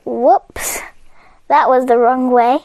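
Woman, high voice, slow unhurried pace, game walkthrough tutorial, patient, shrugs off her slips. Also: fairly even intonation, darkish tone, dry recording. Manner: patient and chatty, laughing off her own slips. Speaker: coding tutorial host. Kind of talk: step-by-step game walkthrough narration.

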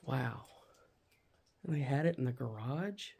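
A man with a gravelly, creaky voice talks unhurriedly as he picks through a derelict house, often exclaiming in wonder. The sound comes from a handheld camera mic, with a faint hiss behind him. His pitch sits in a middle range. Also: animated, measured pace, darkish tone. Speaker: urban explorer vlogger. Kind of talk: walkthrough narration of an abandoned house.

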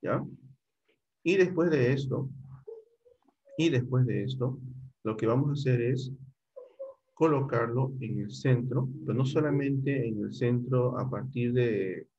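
A middle-aged man leads an online computer class, walking his students through each step and pausing often to check on them. His voice is mellow and a little husky. The call audio sounds dull and lo-fi. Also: medium pitch. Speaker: computer teacher.

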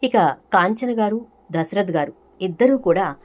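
A woman reading the lines of a middle-aged male lawyer explaining a will in a steady way. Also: mid-range voice, measured pace.

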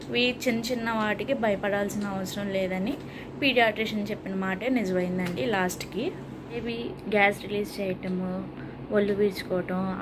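Young mom chatting newborn advice, earnest n reassuring, goes through tips one by one, bit of faint hiss behind. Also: female voice, medium pitch, a little mellow. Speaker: mother sharing newborn care advice. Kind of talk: casual spoken vlog advice.

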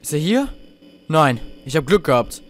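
A young man with a slightly high voice talks his way through a horror game. He mutters to himself, swears and gets jumpy as he plays. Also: very animated, normal speed, soft background music. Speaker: let's play host.

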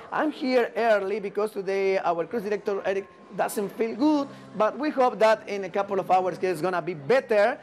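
A middle-aged man with a distinctly high-pitched voice and an Argentine Spanish accent. He presents like an upbeat cruise director, animated and unscripted, repeating words for emphasis as he talks to the camera. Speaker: cruise ship activities manager and TV host. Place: indoors at a ship restaurant entrance. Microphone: lapel.

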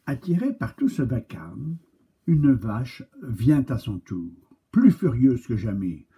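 A man reading a picture-book tale aloud to children, animated and speaking directly to his young listeners. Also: medium pitch, slow pace, breathy edge. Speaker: storyteller for children.

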